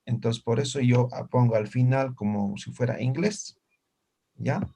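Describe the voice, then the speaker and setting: A man teaching a live online language class over a video call. He talks patiently, says words slowly and often checks that students follow. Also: mid-range voice, warm tone.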